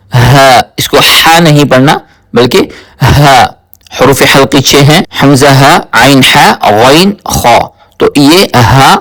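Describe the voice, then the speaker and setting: A man teaching tajweed word by word, slowly explaining rules and repeating each word several times in a chanted recitation. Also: mid-range voice, a bit bright. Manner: spoken explanation alternating with melodic chanted recitation. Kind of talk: word-by-word tajweed pronunciation lesson.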